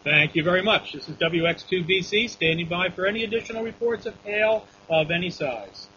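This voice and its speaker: A man acting as radio net controller, giving terse, procedural storm updates in clipped phrases with filled pauses. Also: sits high, animated. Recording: muffled radio audio with hum and noise.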